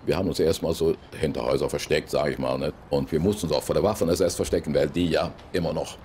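A man's voice: very deep voice, steady tone, a little mellow, a little hiss or hum. A man in his eighties from the Rhineland, with a Rhineland accent, telling his memories plainly in an interview at home. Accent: Rhineland German. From Rhineland, Germany. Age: 80s. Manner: plain, unhurried storytelling with small tags. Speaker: eyewitness interviewee. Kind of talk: recollecting in an interview. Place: living room at home, indoors.

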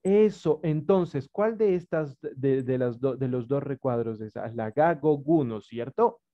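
A woman's voice: rumbling low, expressive, unhurried. A woman with an Ecuadorian Spanish accent, teaching young children in an online class over a video call, patient and coaxing, with many diminutives. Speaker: primary school teacher. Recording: muffled video-call audio.

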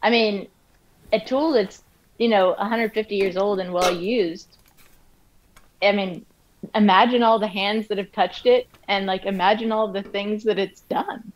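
A woman's voice: mid-range voice, steady tone, a little slow, slight background noise. A woman in her thirties, a woodworker guest in casual interview chat, rambling with many fillers, speaking from her home wood shop. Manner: rambling, frequent fillers and restarts. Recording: dull lo-fi livestream audio.

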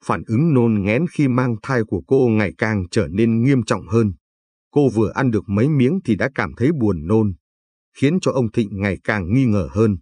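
Low husky guy reading a bedtime story, dry close mic. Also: animated, normal speed, darkish tone, no echo. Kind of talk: scripted bedtime story narration.

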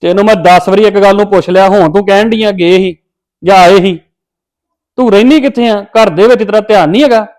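A man's voice: sits high, a little fast, natural voice. An actor playing a hot-tempered husband who berates his wife in a family drama skit, harsh and bossy. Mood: angry, scolding. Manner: harsh, berating, shouting orders.

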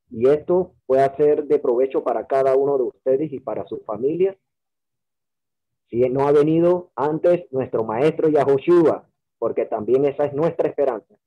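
Man, co-host, religious study, earnest preacherly tone, tinny phone-like line. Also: mid-range voice.

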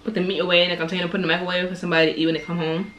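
A woman's voice: lowish voice, level tone, racing, fairly bright tone, low-quality recording. Young woman vlogging in her kitchen, talks between bites, camera up close, faint room hum. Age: young adult. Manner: chatty, eats on camera between remarks. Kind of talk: casual chat while eating. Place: home kitchen, indoors. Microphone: camera on table at close range.

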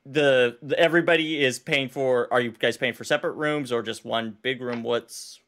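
Halting male game master, mid pitch. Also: fairly even intonation, a bit bright. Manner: halting, with fillers and restarts. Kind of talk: running a livestreamed tabletop game.

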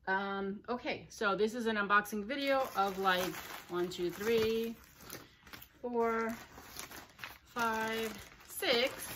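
A woman chatting casually as she unboxes parcels at home, gushing and excited, often talking to her dogs. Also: medium pitch, a little hiss or hum. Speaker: vlogger. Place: home, indoors.

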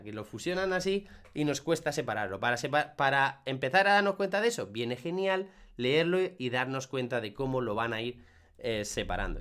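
Lively man teaching English. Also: medium pitch. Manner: lively, demonstrative, repeats words for emphasis. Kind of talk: online class explanation.

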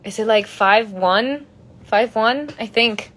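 On a phone livestream, a young woman answers fan questions casually, reading them aloud, chatting, giggling often, and moving between Spanish and English. Her voice is fairly high and a bit bright, and she takes her time.

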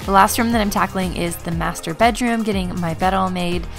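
Chatty woman with a gravelly voice. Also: on the low side, fairly quick, faint music behind. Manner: chatty, with many fillers. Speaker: vlogger, stay-at-home mom. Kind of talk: casual voice-over narration. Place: bedroom at home.

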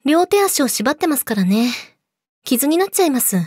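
Woman playing a possessive yandere girlfriend, swooping pitch. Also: big pitch swings, normal speed, a little mellow, no echo, studio quality. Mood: soothing menace. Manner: yandere: sweetly polite, possessive, menacing, drops into breathy whispers. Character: possessive yandere girlfriend, polite, teasing, quietly menacing. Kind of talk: scripted role-play audio drama addressed to the listener. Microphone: close studio mic, dry.

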